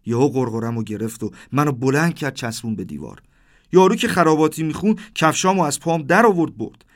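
A man's voice: on the high side, expressive. A man in his thirties narrating a surreal first-person story, with livelier delivery when he quotes the exchanges. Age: 30s.

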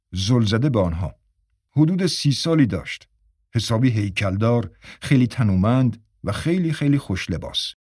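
A man narrates in a measured, steady storytelling voice. His pitch sits in the middle range, and the recording is close and dry with no room echo. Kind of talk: scripted narration.

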